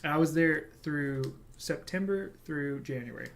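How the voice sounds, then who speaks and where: A man's voice: a little high, unhurried. A man co-hosting a casual reaction livestream, chatty and joking as he reads viewer comments aloud. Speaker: reaction channel co-host.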